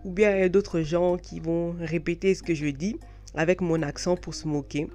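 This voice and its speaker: A woman's voice: fairly low pitch, fairly even intonation, normal speed, dark tone, faint music behind. Frank chatty woman. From Belgium. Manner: frank, chatty, many hesitations. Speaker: vlogger. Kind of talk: casual talk to camera.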